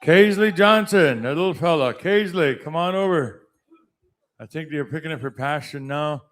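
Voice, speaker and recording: A man working as a powwow emcee, calling people up by name in a halting, list-like way. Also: a little high, a bit bright. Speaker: powwow emcee announcing names.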